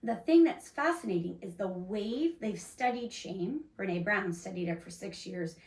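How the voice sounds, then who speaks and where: A woman's voice: mid-range voice, animated, unhurried, a little mellow. Woman host, earnest explainer, casual restarts, roomy echo, sits back from the mic. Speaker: podcast host. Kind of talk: casual faith-based discussion. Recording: echoey room, mic at a distance.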